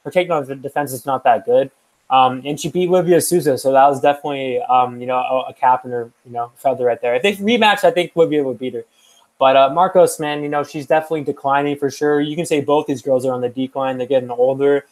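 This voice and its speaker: A young man talks fight picks in a casual, rambling way, circling back on himself and filling pauses with "um" and "you know". His voice sits at an ordinary middle pitch for a man. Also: poor audio. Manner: rambling, with many fillers and restarts. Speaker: podcast co-host making fight picks. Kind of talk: casual chat.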